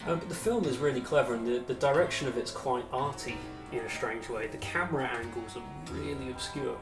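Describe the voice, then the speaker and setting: A man's voice: medium pitch, a little fast, recorded from a distance. A man, chatting and laughing often as a podcast co-host. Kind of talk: casual chat reacting to music. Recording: echoey room, mic set back, music playing.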